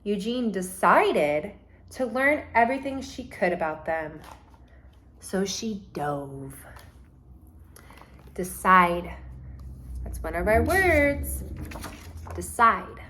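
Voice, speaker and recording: Reading a storybook to children in a medium-pitched voice, a woman teacher is deliberate, expressive, and instructive, stopping to explain words along the way.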